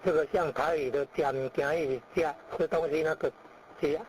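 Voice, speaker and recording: Man, pronunciation teacher, slightly high voice, repeats each sound, faint background hum. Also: fairly even intonation, brisk, a little mellow, low-quality recording. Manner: explains sounds by comparing them to everyday words, repeats each sound. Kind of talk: pronunciation lesson.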